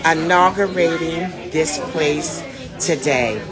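Crowd noise and clear music surround this middle-aged woman's low, slow voice. She hosts vlogs and organizes tours, and here she's outdoors on a city street filming a casual live selfie video on an arm's-length phone, enthusiastically greeting her y'all audience.

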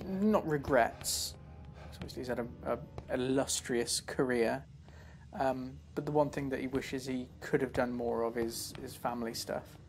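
A man chatting casually while playing a video game live, breaking into quick exclamations as he reacts. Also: mid-range voice. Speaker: streamer. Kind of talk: live gameplay commentary. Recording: game music playing behind.

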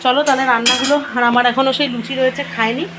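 A woman with a hoarse voice from a cold, chatting casually to viewers in a home vlog from her kitchen. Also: sits high, little pitch movement, rapid-fire. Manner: chatty, addresses viewers directly. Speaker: vlogger. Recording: noisy home recording.

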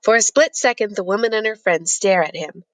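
A woman narrating a first-person novel as an audiobook in a steady, measured reading. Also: medium pitch, no room sound.

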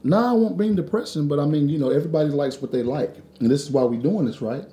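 A man talks casually as co-host of a food review in a room at home. His voice is mellow and of medium pitch, with a matter-of-fact, somewhat reserved way of giving his opinion. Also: quick pace. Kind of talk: casual chat. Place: living room at home, indoors.

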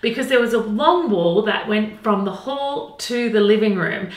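A woman's voice: medium pitch, animated, moderate pace. A middle-aged woman presenting a makeover reveal in a gushing, emphatic manner. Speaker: renovation show host. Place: small indoor tiled hallway. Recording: echoey room, faint background noise.

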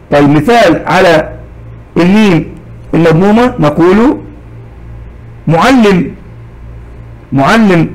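Patient and unhurried, a man with a high-pitched voice leads a recorded class for young children, giving each example word twice. The audio is poor.

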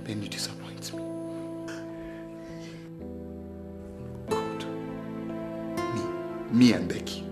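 A man's voice: medium pitch, big pitch swings, normal speed, loud music behind the voice, close to an everyday voice. An actor with a Nigerian accent playing a caring male friend who stammers and talks in an earnest, preachy way. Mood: pleading. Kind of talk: film drama acting.

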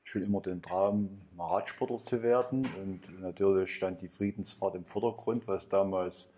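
A man recounting his past in an interview, brisk and matter-of-fact. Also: low voice, steady tone, mellow, a little hiss or hum. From Chemnitz, Germany. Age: 60s. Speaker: former prisoner, ex-cyclist, interviewee. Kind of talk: interview recollection.

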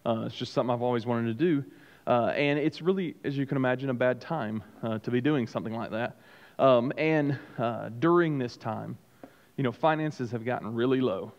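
A man's voice: medium pitch, brisk. Man teaching Bible study, lo-fi echo. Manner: conversational, many "uh" and "you know" fillers. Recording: lo-fi with long reverb.

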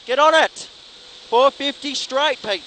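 High-pitched man barking rapid rally pace notes. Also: bright, forceful tone, low-quality recording. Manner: urgent, clipped, repetitive calls. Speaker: rally co-driver. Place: inside a moving rally car. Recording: in-car recording with clear vehicle noise.

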